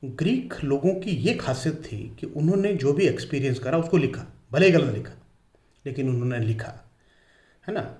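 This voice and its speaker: A man's voice: a little high, expressive, a little mellow. Hindi-speaking man teaching physics, echoey room. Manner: explains slowly, stresses each pronunciation in English. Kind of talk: classroom lecture.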